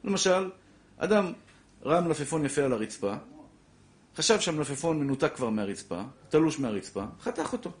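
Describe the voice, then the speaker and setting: Animated man teaching a class. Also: fairly high pitch. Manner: animated, repeats points, acts out little scenes. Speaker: Torah teacher. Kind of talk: lively classroom halacha lesson.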